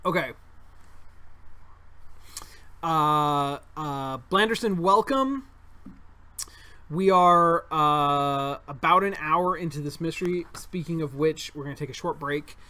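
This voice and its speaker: A man's voice: fairly high pitch, a little slow, sharp tone. A man streaming a board game live, chatting in a rambling way with mumbled asides that trail off. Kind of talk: casual live-stream chat.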